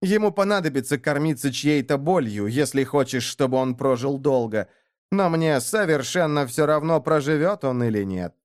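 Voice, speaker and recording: A man voicing a cold, ruthless female dark elf noble with a hoarse, disdainful voice in an audiobook. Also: medium pitch, animated, moderate pace, dry recording, studio quality, pitched above the performer's own voice, close to an everyday voice. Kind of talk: audiobook character voice.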